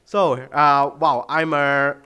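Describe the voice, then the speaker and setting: A middle-aged man with a thick Hong Kong accent, giving a conference presentation in an informal, halting way. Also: a little high, fairly even intonation, sharp tone, smooth. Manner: informal, halting, frequent hesitations. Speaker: conference speaker, data director. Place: conference stage indoors, at a lectern.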